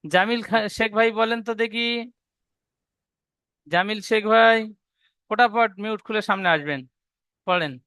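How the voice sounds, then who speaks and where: Man teaching an online class, high bright voice, drags out each letter when he spells. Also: clear, resonant tone, no room sound. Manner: slow drawn-out spelling, then brisk explaining. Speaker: Arabic reading teacher.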